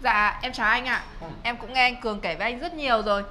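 A woman's voice: on the high side, steady tone, quick pace, a little hiss or hum. A woman playing a polite young wife. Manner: polite, then sharp.

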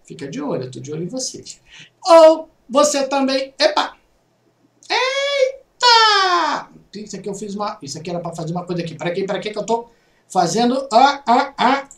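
At a moderate pace, a middle-aged Brazilian man with a Brazilian Portuguese accent jokes his way through gaming news on a webcam vlog, offering casual commentary over a screen share. He's chatty, with jokey asides and lively pitch swings. Recorded in a small home room by a corner webcam, the audio is roomy and distant from the mic.

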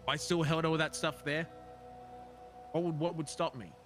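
A man's voice: fairly high pitch, steady tone, normal speed, a bit bright, soft background music. A man in improvised game role-play, arguing in an aggrieved, sweary way as he defends himself. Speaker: role-play gamer playing a biker club member.

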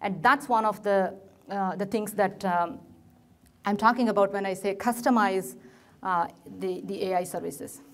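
At a normal speed and medium pitch, a middle-aged woman with an Indian English accent gives a technical conference presentation in a lecture room. She stands before a projected slide, gesturing at it, with frequent fillers and restarts.

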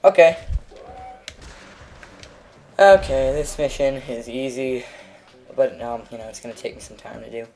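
A man's voice: medium pitch, animated, measured pace, long pauses, darkish tone. A young man narrating a video game as he plays, rambling and making self-mocking jokes. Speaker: gameplay commentator. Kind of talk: let's play commentary.

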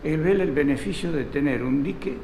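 An older man from Italy telling local history in an interview, animated and speaking directly to the listener, filmed close in a small indoor room. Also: fairly high pitch, moderate pace. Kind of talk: storytelling interview. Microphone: camera close in front. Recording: echoey room with faint noise.

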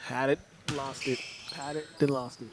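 A man's voice: medium pitch, flat delivery, normal speed. A man giving casual, playful live commentary on a basketball game in an indoor school gym, recorded on a camera mic from the stands. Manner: playful, offhand, makes up sound words. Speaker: amateur play-by-play commentator. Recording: noisy gym audio, ball bounces.

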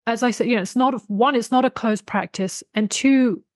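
Speaking at a normal speed in a fairly high voice, this interview guest is a woman in her thirties who writes about and is an expert on folk spirituality. She explains things emphatically and conversationally over a video call from a small room with bookshelves. A close desktop USB condenser mic gives studio-quality sound with no room sound.

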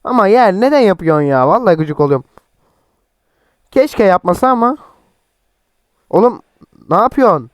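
A young man with a sore, cracking throat, chattily commenting on his own football game and yelling at his players. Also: sits high, very animated, normal speed, long pauses, no room sound. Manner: chatty, teasing, shouts at players. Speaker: mobile football gameplay streamer. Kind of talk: excited gameplay commentary.

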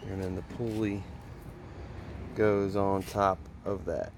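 A man whose voice sits low, gravelly and darkish, with little pitch movement, slowly walks through his pressure washing build in relaxed, colloquial words. He's outdoors on a concrete patio, captured by a handheld phone behind the camera, with a little hiss or hum.

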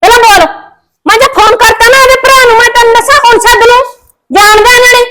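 A woman's voice: extremely high pitch, steady tone, fast talker, noisy background. A young woman playing a daughter-in-law who scolds her husband with indignant retorts. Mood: indignant, scolding. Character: sharp-tongued young wife defending herself.

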